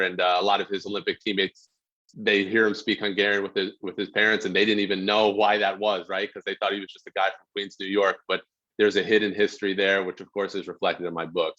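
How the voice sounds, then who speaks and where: A man in his thirties, a guest author, chats casually and earnestly about his book and reads a passage aloud, peppering his speech with "you know." The dull, lo-fi audio comes from a video call. His voice sits low, with a bright, forceful tone.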